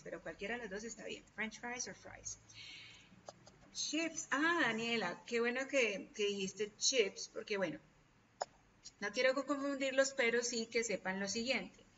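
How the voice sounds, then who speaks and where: A woman's voice: fairly high pitch, sharp tone, slight background noise. A Spanish-speaking woman teaching an online English class, encouraging and often checking in with "ok?". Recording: dull lo-fi video call audio, distant from mic.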